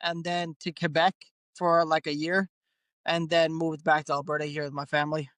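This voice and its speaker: Man, bare knuckle fighter guest, easygoing, smooth clear voice, dry sound. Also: fairly high pitch, flat delivery, moderate pace, fairly bright tone, no room sound. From Canada. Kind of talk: casual interview.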